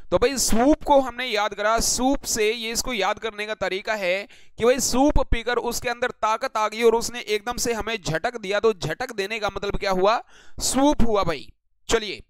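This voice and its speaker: In a dry recording, this Indian man's high-pitched, slightly bright, smooth voice leads a live online English vocabulary lesson. He welcomes viewers by name and turns every word into a question for the students.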